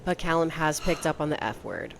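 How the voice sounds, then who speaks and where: Brief: young woman co-host, low-ish voice with lively pitch swings, faint outdoor noise. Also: vocal fry. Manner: expressive, laughs often, quick swoops in pitch. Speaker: podcast co-host. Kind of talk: casual chat. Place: outdoors with birds and traffic.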